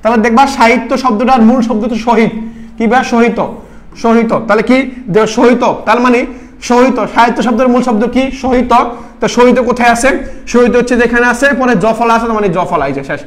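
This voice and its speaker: High-pitched fast-talking tutor. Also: male voice, steady tone. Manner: quizzing students and repeating answers; sings short song lines to make a point. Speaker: admission test tutor. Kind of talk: casual exam-prep lesson.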